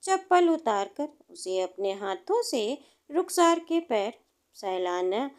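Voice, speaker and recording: A woman reads a storybook aloud with a high voice. Her pitch rises and falls widely, and she takes her time over every phrase. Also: big pitch swings, takes it slowly. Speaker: narrator. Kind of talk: scripted storybook narration.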